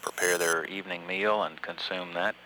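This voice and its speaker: Male mission commentator, very low monotone with a forceful edge, matter-of-fact, faint noise behind. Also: rough recording. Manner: measured, matter-of-fact, halting at times. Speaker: mission control announcer. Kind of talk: public affairs mission commentary.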